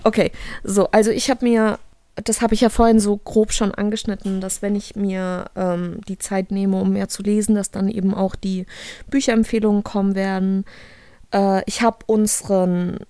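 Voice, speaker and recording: A young German woman co-hosts a podcast, chatting casually and freely, laughing often and trailing off before restarting. Her voice is medium-pitched, dark, clear and resonant, with a flat delivery at a moderate pace and no room sound.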